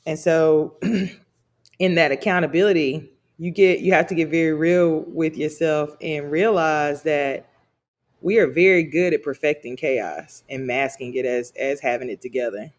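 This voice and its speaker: Man with a slightly high voice, reflecting. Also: unhurried. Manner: thoughtful, self-correcting restarts. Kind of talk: reflective casual chat.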